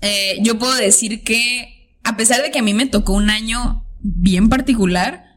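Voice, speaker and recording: Lively young Mexican woman telling stories. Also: a little high, measured pace. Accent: northern Mexican. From Tijuana, Mexico. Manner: animated storytelling, acts out voices, laughs often. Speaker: guest. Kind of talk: casual interview chat.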